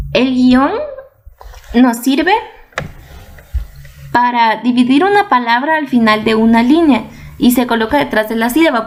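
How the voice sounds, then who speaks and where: A woman teaching a video lesson to children, patient and explanatory, often checking that they follow and repeating words for emphasis. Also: on the high side.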